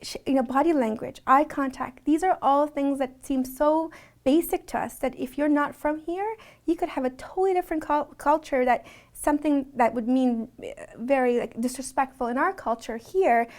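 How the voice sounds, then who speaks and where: High-voiced woman, earnest interview. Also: moderate pace, a little mellow. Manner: earnest, conversational, with frequent restarts. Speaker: interviewee in an immigration documentary. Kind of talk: reflective documentary interview.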